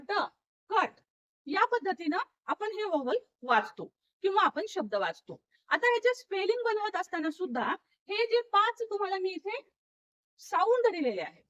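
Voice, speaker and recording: A woman teaching English phonics in a lesson, patiently sounding out letters slowly one by one. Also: very high-pitched, fairly bright tone, dull audio. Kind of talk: classroom lesson explaining phonics.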